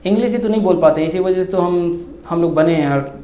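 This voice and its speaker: He talks fast, in a high voice with a warm tone: a YouTuber chatting casually to camera and working through his viewers' comments. Hindi and English blend together, studded with frequent "yaar" and "bhai," and the room echoes.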